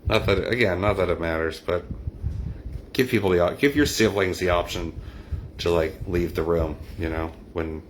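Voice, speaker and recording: Deep-voiced rambling middle-aged man. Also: moderate pace, a little hiss or hum. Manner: rambling, discursive. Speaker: livestream host and poet. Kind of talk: casual chat with live viewers.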